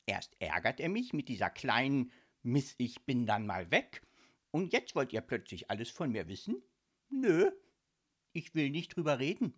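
A man voicing an excitable lovesick male ghost in a children's audiobook, with shrill squealing outbursts. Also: unhurried, husky. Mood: indignant. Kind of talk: audiobook character voice.

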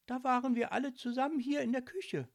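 Woman voicing an eager young woman, high-pitched. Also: steady tone. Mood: earnest. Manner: quick, eager. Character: young woman, quick and earnest.

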